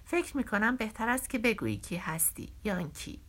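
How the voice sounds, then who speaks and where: A woman voicing a short, stocky Peruvian man who guards a riverside warehouse, speaking in a threatening, gruff way. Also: on the high side, very animated, a bit bright. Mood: hostile.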